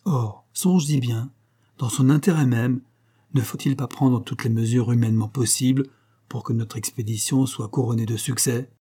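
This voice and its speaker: A level-headed young Frenchman argues with calm persuasion, as a man reads him in an audiobook. The voice is husky and dark. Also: medium pitch, normal speed, lightly acted. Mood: persuasive.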